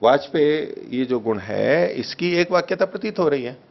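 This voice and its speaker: A man teaching a text study class, reading a translation slowly, repeating phrases and correcting the wording patiently. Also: fairly high pitch, animated, creaky. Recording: dull lo-fi recording.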